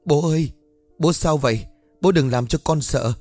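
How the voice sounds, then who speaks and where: A man's voice: medium pitch, moderate pace, a little mellow, no room sound, faint music behind, natural voice. A male narrator voicing a frightened young woman, his voice lifted and pleading.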